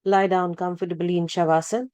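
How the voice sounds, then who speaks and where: Here a yoga nidra guide speaks softly and calmly, her voice a touch low and deeply warm and mellow. Her tone is clean, captured up close with no room sound at all. Each short instruction comes without rush, followed by a generous silence.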